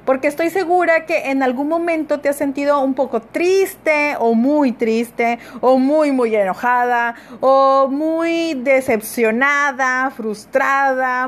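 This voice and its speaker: A woman hosting a self-help podcast, speaking straight to her listener in a coaching tone. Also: high voice. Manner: warm coaching tone, addresses listener directly. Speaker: podcast host.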